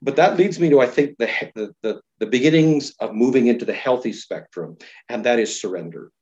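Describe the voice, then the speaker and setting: A man, a pastor, talking earnestly and thoughtfully in a podcast conversation, slowing down to stress key words. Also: medium pitch, animated, darkish tone, dull audio.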